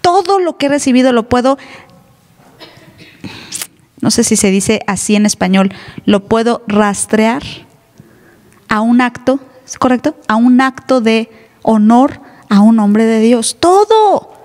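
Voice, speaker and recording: Woman pastor, emphatic sermon, fairly high voice, echoing church hall. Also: unhurried, long pauses, a little mellow. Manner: emphatic, teasing, plays other voices. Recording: live church hall reverb.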